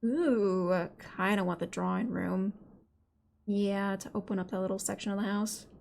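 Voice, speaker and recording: A woman's voice: mid-range voice, steady tone, normal speed, vocal fry, a little mellow. A woman giving casual livestream game commentary, thinking and reacting aloud in a playful, slangy way. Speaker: game streamer.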